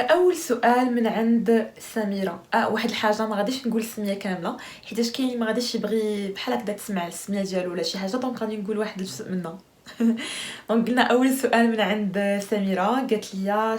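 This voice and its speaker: Fast-talking young Moroccan woman. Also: medium pitch, a little hiss or hum. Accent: Moroccan Arabic. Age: 20s. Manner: chatty, laughs often between answers. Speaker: vlogger. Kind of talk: casual Q&A vlog.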